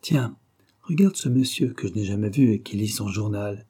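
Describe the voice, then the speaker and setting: A man voicing a big, brash young man who talks bluntly and provokes others with mocking calm. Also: lowish voice, moderate pace, husky. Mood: defiant.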